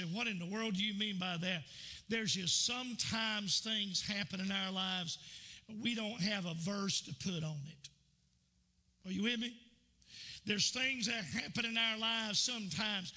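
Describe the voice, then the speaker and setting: A male pastor delivers a sermon in a church, speaking in a conversational way and asking his listeners questions. His voice sits high and sounds very bright and sharp. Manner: conversational preacher, asks the congregation questions.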